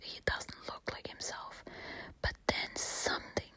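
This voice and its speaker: Quiet whispering woman, slow late-night storytime. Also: low-quality recording. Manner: casual, candid, swearing freely.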